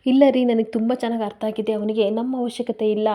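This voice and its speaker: A woman's voice: a little high, little pitch movement, brisk, mellow, close to an everyday voice. A woman voicing a tearful middle-aged mother who feels neglected by her son. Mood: grieving. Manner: grieving, reproachful.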